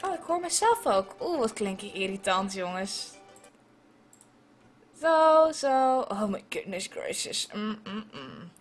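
A woman's voice: mid-range voice, big pitch swings, slow pace, faint music behind. A woman giving casual, swear-heavy commentary while playing a computer game at home, chatting to her viewers and dropping in English phrases. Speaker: gaming video host. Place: indoors at a computer, wearing headphones.

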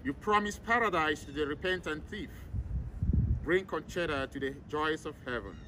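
A man leading a solemn graveside prayer as a priest, reciting in a measured, formal way outdoors. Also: on the high side, animated. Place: outdoors in an open cemetery. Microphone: camera several meters away, speaker masked. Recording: outdoor recording with clear background noise.

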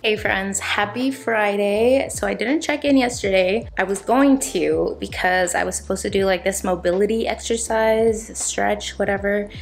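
A young adult woman talks to her camera at home in a casual, candid way. Her voice sits at a middle pitch. She is conversational and a little self-deprecating, like a personal vlog recorded in a kitchen. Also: normal speed, creaky, hardly any pauses, faint music behind. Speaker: vlogger. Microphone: camera at about arm's length.

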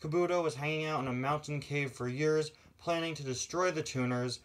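A man narrating a toy car story in a relaxed, chatty recap. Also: medium pitch, slight background noise.

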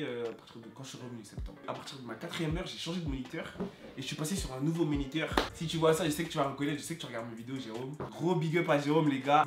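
A young man vlogging, telling his story with animated, dramatic, slangy delivery. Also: a little high. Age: young adult. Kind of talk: storytelling vlog. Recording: roomy echo with music behind.

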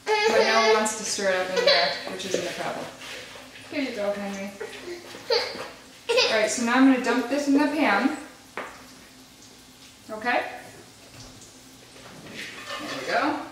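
A mother in her thirties hosts a relaxed home cooking video, speaking unhurriedly in a slightly high voice with big pitch swings and long pauses as she patiently coaxes small children along. She is in a large indoor kitchen, filmed by a camera across the counter. Echo, background noise, clattering pans, dishes, clicks, and children fill the recording.

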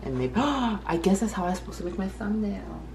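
A young woman vlogs casually from her apartment kitchen and living room, her medium-pitched, slightly mellow voice carrying vocal fry at normal speed. She rambles and corrects herself as she goes, picked up by a camera mic a few feet away in an echoey room with faint room noise.

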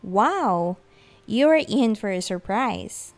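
A woman voicing a kind, smiling mother who gently teases her young son. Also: mid-range voice, extremely slow, soft background music. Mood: fond. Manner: calm and warm.

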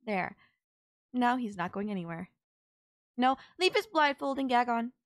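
In an intimate audio roleplay with clean studio sound and no room echo, a woman plays a sultry, possessive kidnapper who gloats over her captive and coaxes them. Her voice is a little high, expressive, and slightly slow, and she sounds smug and pleased. She's teasing and coaxing while staying firmly in control.

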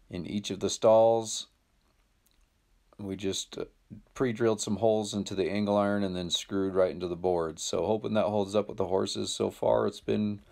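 An American man in his thirties chats casually with viewers, narrating like a laid-back, plain-spoken DIY vlogger. His voice is on the low side and warm, with some vocal fry.

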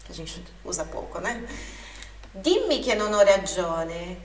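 A woman teaching an Italian lesson to Portuguese speakers, explaining patiently and reading lyric lines aloud slowly. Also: fairly low pitch, very animated. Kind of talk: language lesson. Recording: echoey room, mic at a distance.

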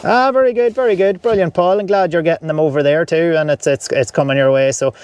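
A man's voice: a little high, fast talker, darkish tone, smooth, no room sound. A man with an Irish accent, chatting on the air as a ham radio operator from his camper van, upbeat and friendly, spelling out call signs phonetically. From Ireland. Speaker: amateur radio operator on a field activation. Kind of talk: casual on-air radio chat.

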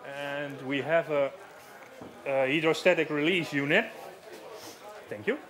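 The thirty-something rep, Dutch-accented, talks unhurriedly in a slightly high, somewhat bright voice while demonstrating safety gear live on a marquee stage at an outdoor show. He uses a headset mic and explains simply, with lots of fillers.

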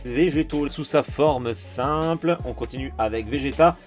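A man's voice: mid-range voice, a little slow, faint music behind. A man giving casual, enthusiastic commentary as he opens trading card packs, talking straight to his viewers. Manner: enthusiastic, chatty, addresses viewers directly. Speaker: YouTube card collector.

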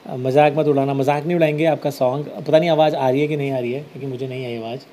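A man's voice: mid-range voice, fairly even intonation, very fast, dark tone, slight background noise. A man from Uttarakhand hosting a casual live stream, reading viewer comments aloud and answering them with easygoing reassurance. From Uttarakhand, India. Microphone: headset.

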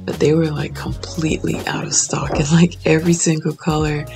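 A young woman chats through her home office makeover in an easy, relaxed way, sprinkling in fillers and small laughs. Her voice sits low with a gravelly, fry-tinged texture. Faint music plays underneath. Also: a little fast. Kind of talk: casual vlog voice-over.

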